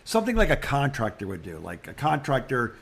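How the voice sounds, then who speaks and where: A retired radio broadcaster in his sixties co-hosts a podcast, chatting casually and rambling through anecdotes with repeated phrases and restarts. His mid-range voice swoops wildly in pitch, and he talks briskly with vocal fry and a slightly rough edge.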